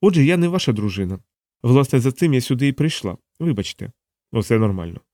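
A man's voice: mid-range voice, sing-song, fast, dark tone, dry recording. A man voicing a blunt, fierce young woman soldier who talks in terse, clipped lines. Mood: insistent.

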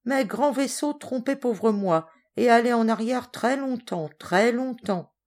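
A woman reading aloud puts on a burly sailor man in his forties, hearty and blunt, who booms out his broken pidgin French. The voice is pitched high for a man and pushed loud in this storybook scene. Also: unhurried, natural voice. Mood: loud, storytelling.

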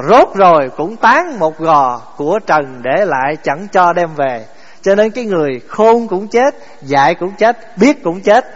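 A monk preaches a Buddhist sermon in a fairly high voice. He keeps putting questions to his audience and answering them himself. His voice echoes through a dull-sounding hall. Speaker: Buddhist monk giving a dharma talk.

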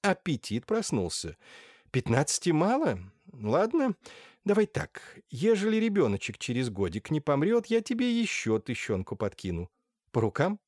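A man's voice: on the high side, wildly swooping pitch, normal speed, darkish tone, dry recording, pitched above the performer's own voice. A man voicing a domineering, scheming older noblewoman in an audiobook, by turns wheedling and hissing. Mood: scornful. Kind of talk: audiobook character voice. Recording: dry close studio sound.

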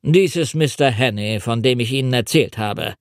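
A man's voice: mid-range voice, normal speed, no room sound, clean studio sound, natural voice. A man reading the part of a stiff, reserved senior official.

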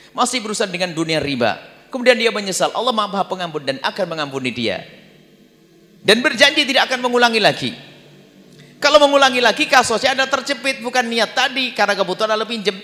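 A man preaching an Islamic sermon, lively, often dropping into a low mumbling voice to act out people's prayers. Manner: animated, acts out quoted prayers in a low mumbling voice. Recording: long reverb of a large hall.

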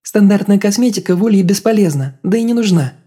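A woman voicing a cold, elegant countess in an audiobook, soft but demanding, with icy politeness. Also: mid-range voice, animated, fast talker, slightly rough. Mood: soft commanding. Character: cold elegant female countess, calm torturer. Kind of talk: audiobook character voice.

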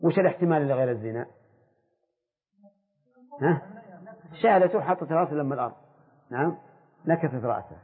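An older man gives a jurisprudence lesson and questions his students as he goes. His voice is husky. The recording is a tinny old tape with a long echo from the hall. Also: on the high side, animated. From Saudi Arabia. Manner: questions the students, explains slowly. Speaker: sheikh teaching jurisprudence. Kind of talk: classroom lecture on fiqh.

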